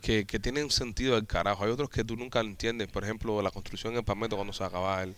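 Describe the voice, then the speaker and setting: A man's voice: fairly low pitch, fairly even intonation, fast, a bit bright, a little hiss or hum. A man hosting a casual podcast chat, talking loosely with profanity and frequent restarts. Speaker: podcast host. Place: Miami area.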